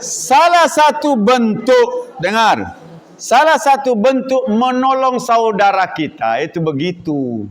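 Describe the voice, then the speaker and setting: Animated man lecturing students. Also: very high voice, slow pace. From Indonesia. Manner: animated, acts out examples, shifts between loud and hushed. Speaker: Islamic boarding school leader.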